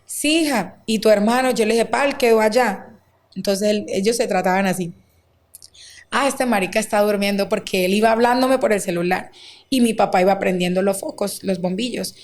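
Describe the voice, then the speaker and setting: A woman's voice: mid-range voice, fairly quick, darkish tone. Woman, interview guest, emotional personal testimony, acts out quoted dialogue. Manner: recounts with many quoted dialogues and fillers.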